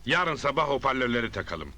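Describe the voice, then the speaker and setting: A scheming businessman boss in a film comedy. His mid-pitched voice is very bright and forceful, brisk and commanding, with lively swings. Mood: scheming, businesslike. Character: scheming businessman boss buying up village land. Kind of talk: Turkish film comedy acting.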